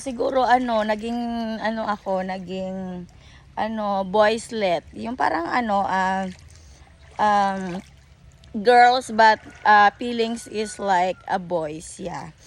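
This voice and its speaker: A Filipino-accented woman with a mid-range voice vlogs outdoors by a river, speaking a little slowly. She rambles casually in a mix of English and Tagalog, full of fillers and self-corrections.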